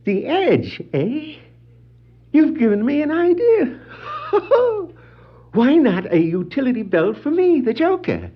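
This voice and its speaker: An actor playing a gleeful, vengeful crime clown who gloats theatrically and cackles, in a 1960s superhero audio drama. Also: male voice, very high-pitched, huge pitch swings, takes it slowly, heavily acted. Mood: gleeful, gloating. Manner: frequent wild cackling laughter, theatrical gloating. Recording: vintage dull lo-fi vinyl record, music.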